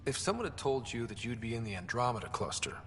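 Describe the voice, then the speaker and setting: A man's voice: mid-range voice, big pitch swings, quick pace, fairly bright tone, long reverb tail, a little hiss or hum. An actor playing an earnest young male space explorer who speaks conversationally.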